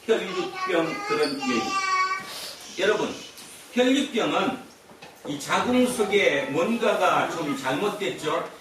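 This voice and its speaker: A man's voice: on the high side, noisy background. A male pastor preaching a sermon, putting questions to the congregation and repeating their answers. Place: church sanctuary. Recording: echoey church hall from far off.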